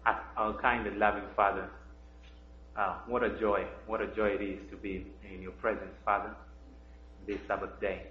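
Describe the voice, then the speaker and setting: A man from Kenya, telling a story during a children's sermon, gently, with many "uh" fillers and questions to the kids. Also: lowish voice, level tone, moderate pace, slight background noise. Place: church sanctuary. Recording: dull roomy church recording.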